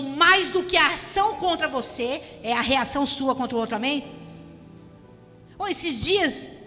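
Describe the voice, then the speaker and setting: Bright-voiced Brazilian woman preaching. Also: sits high. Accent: Brazilian Portuguese. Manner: repetitive, exhorting the congregation. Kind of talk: sermon. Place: church hall. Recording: church hall reverb with music.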